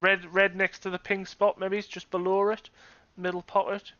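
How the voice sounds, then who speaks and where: A dull, lo-fi recording of a man with a high-pitched voice doing live snooker co-commentary. He is conversational and opinionated, freely giving his own verdict on the play. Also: completely flat delivery, normal speed, sharp tone, dry recording. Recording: dull, lo-fi microphone sound.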